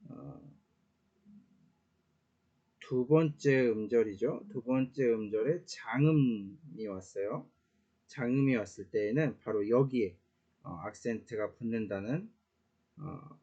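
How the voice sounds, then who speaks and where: A man gives a casual online Latin grammar lesson in a warm, mellow voice. He explains step by step, pausing on "uh" fillers and correcting himself now and then. The recording sounds dull and lo-fi. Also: mid-range voice. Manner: explains slowly with many "uh" fillers and self-corrections.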